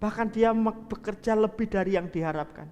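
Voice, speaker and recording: Male pastor, high voice, animated storytelling sermon, echoey church hall. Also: brisk, smooth. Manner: animated storyteller addressing the congregation.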